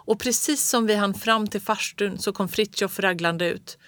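A storyteller reading a children's storybook aloud in a calm, even way. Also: medium pitch, no echo. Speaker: narrator.

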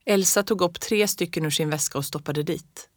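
A woman reading a story aloud in a calm, measured way. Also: fairly low pitch, dry recording, clean studio sound. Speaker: audiobook reader. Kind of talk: scripted storybook narration.

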